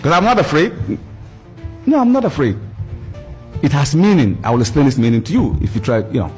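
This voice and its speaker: A middle-aged man giving a storytelling religious lecture, animated, repeating words for emphasis. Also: fairly high pitch, fairly quick, faint music behind. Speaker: Islamic speaker.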